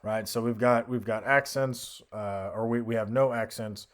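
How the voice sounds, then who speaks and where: A man giving a casual software tutorial as an instructor, hesitant and thinking aloud as he goes. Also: medium pitch, steady tone, moderate pace, noisy background.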